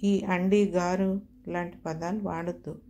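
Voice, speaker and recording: A woman's voice: fairly low pitch, little pitch movement, a little slow, warm tone, slight background noise, close to an everyday voice. A woman voicing a confident, friendly young male suitor who talks in a breezy, teasing way in a storybook reading. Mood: playful.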